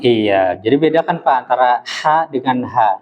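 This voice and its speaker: A man teaching an Arabic class, patiently modelling pronunciation slowly for his students. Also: medium pitch, expressive, lo-fi sound, slight background noise. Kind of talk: classroom lesson.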